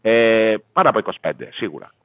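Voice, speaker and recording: A man breaks down a football match for a casual sports betting talk show, weighing each point with pauses and fillers. His voice comes over a tinny, phone-like line. The sound is dry and close. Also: lowish voice, very animated, dry recording. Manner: measured, thinks aloud with fillers. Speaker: football analyst.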